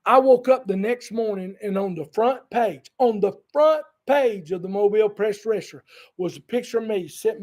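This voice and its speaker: A pastor with a fairly high voice preaches, leaning on folksy personal stories and wry humorous asides. His delivery is easygoing and conversational. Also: a little mellow. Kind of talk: sermon with storytelling.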